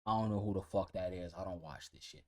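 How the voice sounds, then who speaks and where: Low-voiced male streamer, loud, profane and animated in his reactions. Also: quick pace. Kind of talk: casual reaction commentary.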